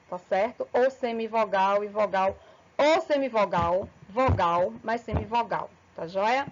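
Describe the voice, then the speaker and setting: Woman teaching grammar, lo-fi sound. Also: on the high side. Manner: explains step by step, checks in with tag questions. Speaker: Portuguese teacher. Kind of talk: online grammar lesson.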